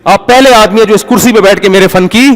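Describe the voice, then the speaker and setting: A man's voice: high-pitched, fairly bright tone, voice pushed up. A man voicing a smug male thief who thanks a judge for praising his skill. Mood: smug, grateful. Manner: mock-grateful, pleased.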